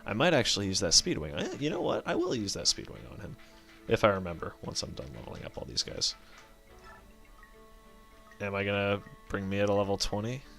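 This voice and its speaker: A man's voice: lowish voice, sing-song, a little fast, gravelly, pauses often, a bit bright, faint music behind. A man giving casual gameplay commentary as a let's play host, rambling, correcting himself and swearing offhand as he thinks aloud.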